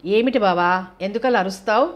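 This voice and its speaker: A woman's voice: medium pitch, a little fast, lo-fi sound, lightly acted. A woman voicing a playful young woman who teases her cousin in an audio novel. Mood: teasing. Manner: teasing, cheeky.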